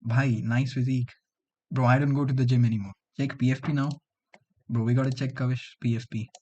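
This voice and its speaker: Bantering with his livestream viewers and dropping "bro" often, a Delhi-born student coder in his twenties speaks casual slang with an Indian accent; Hindi is his first language. His mid-range, fairly even voice is mellow and a little fast, over dull audio.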